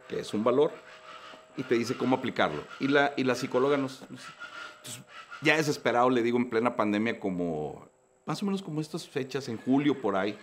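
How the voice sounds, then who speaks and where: A man in his forties with a Mexican Spanish accent, a voice-actor guest telling his story in a slangy, animated way. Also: mid-range voice, slight background noise. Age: 40s. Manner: animated, slangy, acts out dialogues. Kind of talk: casual storytelling interview.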